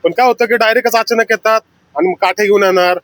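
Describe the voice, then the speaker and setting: A man who owns a hotel speaks fast and insistently in a street interview. His voice sits fairly high and sounds dry and close. He complains steadily about losses. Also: steady tone, a bit bright, no echo. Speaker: hotel owner.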